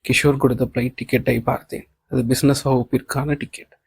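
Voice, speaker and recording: A man narrating a novel in a plain, even reading. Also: medium pitch, fairly quick, creaky, breathy edge.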